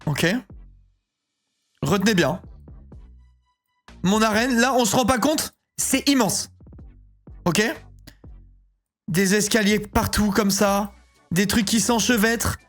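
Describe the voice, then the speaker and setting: A man in his thirties chatting casually on a live stream, excitable and rambling, often breaking into giggles. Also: high-pitched, slow, pauses often, soft background music. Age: 30s.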